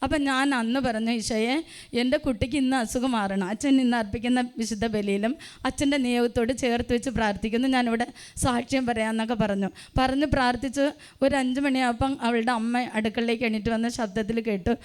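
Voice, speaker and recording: An older woman in her sixties gives a church testimony in a plain storytelling way, pausing on "um" now and then. Her voice sits fairly high and comes across smooth and clear. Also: fairly even intonation. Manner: plain storytelling, often pausing on "um" and retelling her own prayers. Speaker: parishioner giving a testimony.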